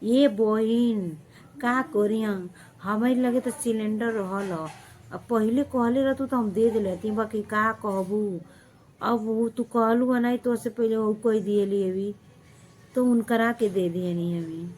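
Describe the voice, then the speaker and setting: A woman's voice: on the high side, measured pace, darkish tone, a little hiss or hum, voice pushed up, lightly acted, poor audio. A woman imitating a two-faced village neighbor woman who talks sweetly in Bhojpuri, drawling and sing-song. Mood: mock-sweet.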